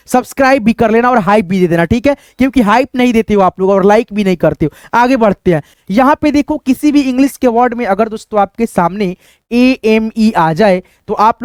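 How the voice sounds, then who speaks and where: A man's voice: high voice, a little mellow, dry recording. A man teaching an online pronunciation lesson, spelling out each word letter by letter and saying it again and again. He keeps calling out to his viewers as friends as he goes. The recording is dry and close, with no room sound. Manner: spells words out letter by letter and repeats them; constantly addresses viewers as friends. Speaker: English teacher.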